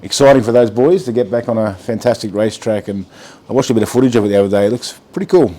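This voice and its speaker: Chatty aussie guy, laid back, dark mellow tone, swears a bit. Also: lowish voice, rapid-fire. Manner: easygoing, chatty, swears casually. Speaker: co-host. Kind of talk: casual chat.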